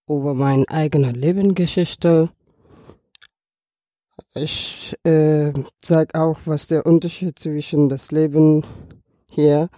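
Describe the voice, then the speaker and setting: A man in his early twenties from Afghanistan, a native Dari speaker with an Afghan accent, tells his own story in a podcast conversation using non-native phrasing. His voice sits on the high side with a dark tone, captured in a dry, clean studio recording.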